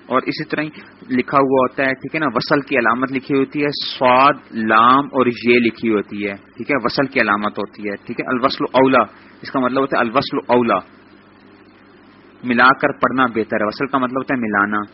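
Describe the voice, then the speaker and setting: A man's voice: mid-range voice, fairly even intonation, lo-fi sound, slight background noise. A man teaching a Quran class in a live lecture, explaining patiently and checking in with his listeners again and again. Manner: repeats "theek hai" as a check-in; explains slowly, spelling out letters. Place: lecture room.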